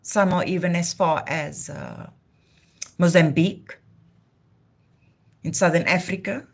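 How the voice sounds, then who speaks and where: A livestream host from Namibia, first language Afrikaans, gives a heritage talk full of passion and declamation. She has a lowish, creaky voice and takes things at a slow pace.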